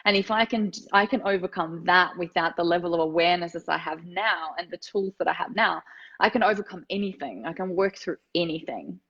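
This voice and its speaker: A woman's voice: on the low side, a little fast, fairly bright tone, slightly rough. A woman in her thirties from Finland, a podcast guest telling her life story in an earnest way and often repeating words as she thinks. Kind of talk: personal story interview. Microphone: remote call. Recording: dull lo-fi call audio.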